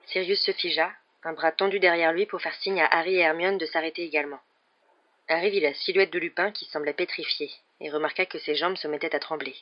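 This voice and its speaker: An audiobook narrator reads a novel in a steady, dramatic manner. The voice is mid-pitched. The recording sounds slightly dull. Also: brisk.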